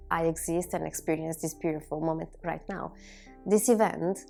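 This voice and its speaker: A Bulgarian woman in her thirties, a native Bulgarian speaker, is a video blogger sharing a reflective personal monologue with viewers in measured, deliberate phrases. Her voice is on the low side, darkish, with vocal fry.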